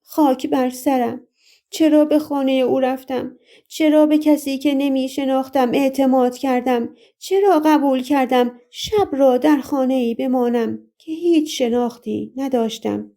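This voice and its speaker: A woman's voice: sits high, dark tone. A woman reading the part of a distraught young woman who reproaches herself and recounts what happened to her. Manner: pleading, self-reproaching.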